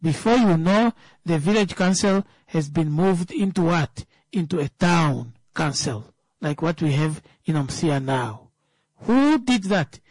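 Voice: mid-range voice, expressive, measured pace, a little mellow, no echo. A speaker with a Namibian accent giving an impromptu political talk, emphatic, repeating phrases and answering their own rhetorical questions.

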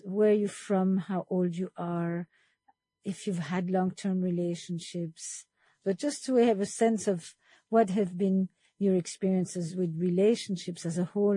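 A woman's voice: on the low side, warm tone, breathy edge, no room sound. A woman hosting a panel conversation, reflective and thinking aloud as she moderates. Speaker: host.

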